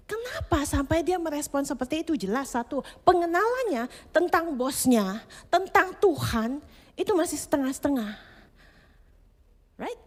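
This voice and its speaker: A woman preaching a sermon, expressive, slipping into English phrases and acting out quoted inner voices. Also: high voice. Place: church hall. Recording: long hall reverb.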